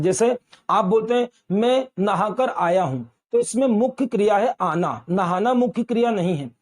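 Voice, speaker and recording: Male grammar teacher, high voice, slow patient dictation, repeats terms back as questions. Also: darkish tone. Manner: slow, word-by-word dictation of example sentences. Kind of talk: classroom-style grammar lesson.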